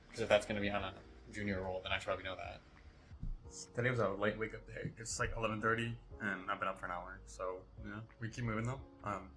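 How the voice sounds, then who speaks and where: Casual young guy vlogging, kinda low voice, loose and rambly, corrects himself a lot. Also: slight background noise. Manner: relaxed, rambling, self-correcting. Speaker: vlogger and self-taught developer. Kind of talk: casual devlog talk to camera.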